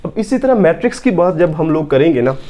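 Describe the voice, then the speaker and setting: A man's voice: a little high, big pitch swings, brisk, warm tone. A man teaching a whiteboard math lesson, explaining step by step and often asking rhetorical questions to the class.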